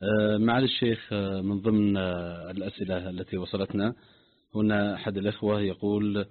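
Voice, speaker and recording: A man's voice: fairly low pitch, level tone, quick pace. A man hosting a religious call-in radio show, formal and polite as he passes on callers' questions. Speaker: radio host. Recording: narrow-band radio broadcast.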